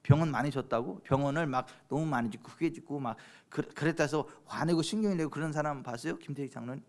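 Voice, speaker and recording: Emphatic Korean pastor preaching a sermon. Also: male voice, fast talker. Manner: addresses congregation members by name with questions; swings from loud exclaiming to low hushed tones. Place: church sanctuary.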